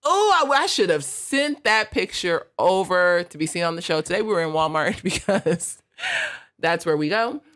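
Playful bright-voiced woman co-host. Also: on the low side, moderate pace. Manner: playful, animated, jokey. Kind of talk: casual live-stream chat.

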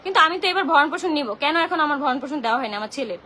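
A woman's voice: sits high, expressive, rapid-fire, pushed and bright, slight background noise. A young woman venting on a phone livestream, heated and indignant and full of rhetorical questions. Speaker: social media livestreamer. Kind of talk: livestream rant.

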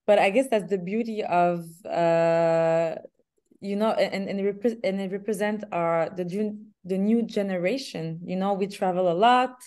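Mellow-voiced young woman from Canada, halting video-call interviewee. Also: mid-range voice. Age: young adult. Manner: hesitant, restarts often, laughs softly. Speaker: singer interviewee. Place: small room indoors. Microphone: laptop webcam on video call.

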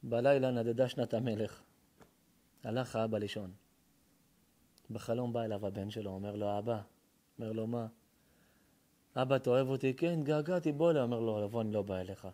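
A rabbi with an Israeli accent giving a dramatic sermon, telling stories and swinging from hushed tones to shouting. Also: male voice, medium pitch, long pauses. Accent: Israeli Hebrew. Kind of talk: sermon with storytelling. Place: synagogue or lecture hall.

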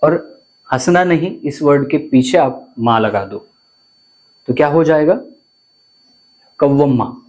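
A man's voice: a little high, takes it slowly, long pauses, darkish tone. A man, teaching vocabulary to viewers and often repeating words and asking questions. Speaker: language teacher.

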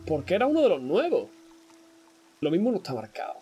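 A man's voice: high voice, wildly swooping pitch, fairly quick, warm tone, faint music behind. A young man with a Spanish accent from Spain, casually commenting on a game he is streaming and joking with his chat. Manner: chatty and joking, talks to chat. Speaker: gaming streamer. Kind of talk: casual let's-play commentary.

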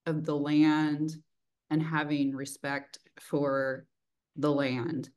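Very slow and completely flat, her low, darkish voice carries a mild Texan accent. The middle-aged host, from rural Texas, reflects informally with plenty of "like" while interviewing on a video call. She sits in a small indoor room, captured by a desk-distance call mic.

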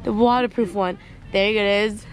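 A woman's voice: mid-range voice, steady tone, normal speed, rough recording. A woman Army drill sergeant chatting casually and playfully in a behind-the-scenes vlog. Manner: joking, playful with coworkers. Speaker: Army drill sergeant vlogging her duty.

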